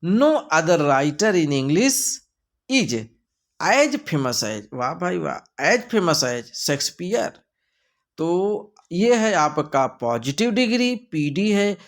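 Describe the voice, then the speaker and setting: Hindi accent guy teaching grammar, kinda high voice, slow and playful, acts things out. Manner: playful, theatrical asides. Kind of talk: online grammar lesson.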